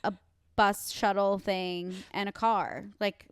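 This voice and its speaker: A young woman chatting casually as a podcast co-host, her voice smooth and clear. She rambles with plenty of "like" fillers and easy laughter. The sound is dry and close to the mic. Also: medium pitch, flat delivery, takes it slowly, no room sound. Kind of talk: casual chat.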